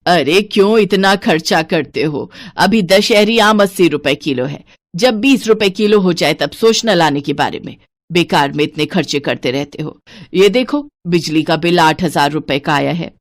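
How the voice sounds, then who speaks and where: A woman's voice: lowish voice, normal speed, dry recording, natural voice. A woman voicing a stingy, scheming middle-aged mother-in-law who scolds and counts every penny. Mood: bossy.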